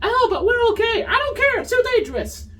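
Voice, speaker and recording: A man putting on a very high, squeaky, cartoonish voice for a scolding older woman elder. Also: big pitch swings, a little fast, a bit bright, recorded from a distance, heavily acted. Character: stern older female village elder, squeaky.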